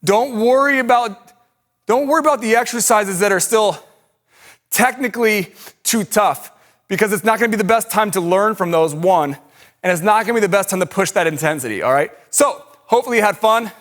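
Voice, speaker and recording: A man's voice: high-pitched, fairly quick, a bit bright. A man coaching a home workout in short encouraging cues, out of breath from exercising along. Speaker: fitness coach.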